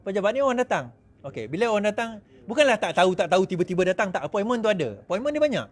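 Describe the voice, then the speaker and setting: A middle-aged man with a Malaysian accent, giving an animated speech to supporters, mimicking others in quick asides and laughing often. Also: sits high. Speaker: politician speaking to supporters.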